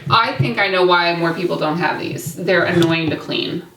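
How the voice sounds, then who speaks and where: A woman's voice: fairly low pitch, moderate pace, echoey room, far from the mic, noisy background. A woman co-hosting a casual kitchen tour, chatty and teasing, with the hiccups. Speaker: co-host.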